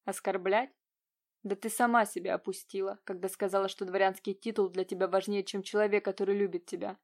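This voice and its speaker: A woman's voice: medium pitch, flat delivery, a little fast, darkish tone, lightly acted. Woman voicing a brooding young peasant man. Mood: scornful.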